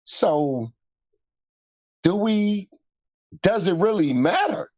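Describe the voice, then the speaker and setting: A man's voice: high-pitched, animated, very slow. A man joining a sports talk show who talks in a laid-back, slangy way. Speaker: co-host or guest.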